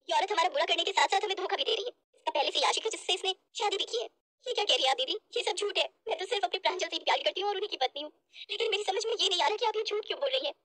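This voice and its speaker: A woman's voice: very high-pitched, pushed and bright, no room sound, pitched above the performer's own voice, full character voice. A woman doing a spiteful young sister-in-law. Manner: mocking, accusing.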